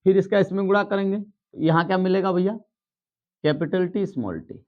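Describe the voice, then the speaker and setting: A man's voice: high-pitched, normal speed, narrow, tinny audio. A man teaching a biology lesson at a board, explaining step by step and checking in with students. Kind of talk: blackboard lesson.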